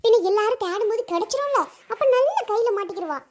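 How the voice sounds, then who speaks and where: Woman doing a sly plotting village woman in a cartoon, hushed and sneaky. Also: very high-pitched, expressive, quick pace. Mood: scheming. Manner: sly, whispery, conspiratorial. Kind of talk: cartoon voice acting.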